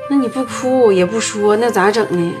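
A woman's voice: medium pitch, normal speed, music in the background, close to an everyday voice. A woman playing a coaxing big sister. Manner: coaxing, lecturing. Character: motherly older-sister woman giving advice. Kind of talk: TV series acting.

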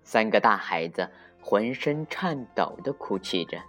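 Unhurried, animated reader of a kids' storybook, soft music underneath. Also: medium pitch. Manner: slow, expressive. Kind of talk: children's story narration.

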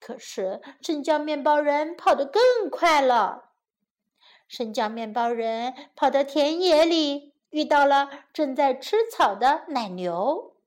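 A woman narrating a bilingual children's storybook in a clear storytelling manner. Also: sits high, animated, slow pace.

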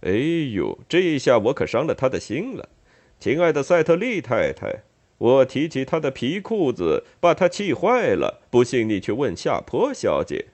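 A man's voice: medium pitch, huge pitch swings, moderate pace, a little mellow. A man reading an audiobook, voicing a jovial older merchant father who jokes and teases his son in a hearty voice. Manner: hearty, joking.

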